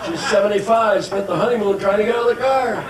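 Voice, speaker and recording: A man's voice: sits high, quick pace, recorded from a distance, voice pushed up, close to an everyday voice. A man playing a crotchety, crude, forgetful old man who grumbles and rambles through a stand-up comedy monologue. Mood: crude, rambling. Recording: noisy roomy live stage with loud crowd.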